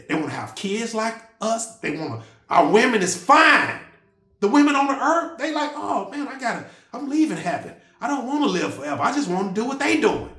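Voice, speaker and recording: A man's voice: very high-pitched, fairly bright tone, reverberant. A man preaching in an impassioned religious monologue, blunt, profane and rambling. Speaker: self-styled preacher.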